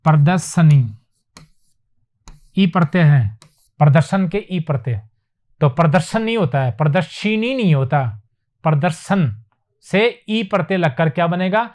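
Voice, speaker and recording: Male teacher, high voice, lecturing at a board; drills each word, asks and answers his own questions. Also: expressive, a little mellow. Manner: repeats words slowly for emphasis, asks and answers himself. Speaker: Hindi teacher. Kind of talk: classroom lecture on spelling. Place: classroom with whiteboard.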